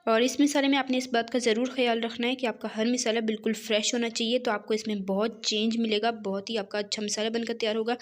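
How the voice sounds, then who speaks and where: A woman with a Pakistani Urdu accent hosts a home cooking video and narrates each step of a recipe. Her voice sits a little high, and she talks in a friendly, instructive way, giving every measurement twice. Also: little pitch movement, fast talker, hardly any pauses. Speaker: cooking channel host.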